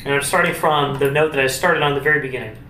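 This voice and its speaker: Here the brass teacher's voice sits mid-range, steady and sharp, and he talks fast. He explains warmup exercises to camera in a loose, conversational way, reasoning aloud while instructing. Recorded from a distance in an echoey room, faint noise is audible.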